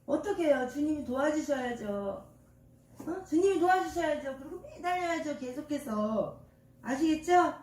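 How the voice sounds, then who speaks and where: An older woman pastor preaching in a high voice, tossing questions out to the congregation and answering them herself in a folksy, homely way. She is heard from across a reverberant church, not close to the mic. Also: lively intonation, moderate pace, a little mellow. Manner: call-and-response, quizzing the congregation. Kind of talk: sermon. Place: church sanctuary. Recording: echoey church from far off.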